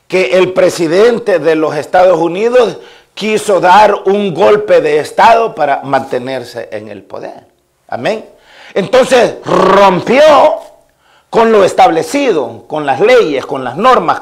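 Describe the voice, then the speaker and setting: A man from El Salvador, in his fifties, delivers a sermon as a pastor, his Salvadoran Spanish accent clear throughout. He leans on repetition and lists, saying amen often, and his pitch is on the high side.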